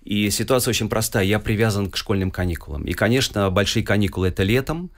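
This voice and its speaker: A man in his forties from Russia talks through his life in a relaxed interview, his voice sitting a little low. He wanders through the story with small hesitations and filler sounds. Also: fast. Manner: discursive, with frequent hesitations. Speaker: guest musician.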